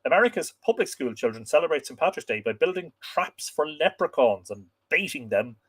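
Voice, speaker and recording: A man's voice: a little high, big pitch swings, brisk, fairly bright tone, slightly rough. A man with an Irish accent and a lilting, storyteller-like delivery, chatting informally as host of a livestream. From Ireland. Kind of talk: informal livestream chat, reading out viewer greetings.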